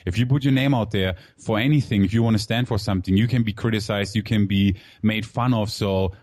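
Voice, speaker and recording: Speaking a bit quickly in a lowish, darkish voice, this man recounts his upbringing in Germany and his life story as a guest entrepreneur in his thirties. He's open and candid, leans on fillers, and calls the host "man," all in a dry, studio-quality recording.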